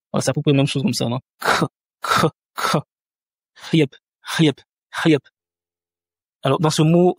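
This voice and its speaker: A man's voice: mid-range voice, no room sound. Patient man teaching pronunciation, dry sound. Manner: patient, repeats example words slowly, frequent hesitations. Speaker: language teacher. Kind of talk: spoken lesson explaining pronunciation.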